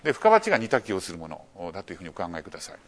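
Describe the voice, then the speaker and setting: A man giving a public lecture, explaining in a measured way with many fillers and rhetorical questions to the audience. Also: deep voice, huge pitch swings, fairly bright tone. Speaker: lecturer on archaeology.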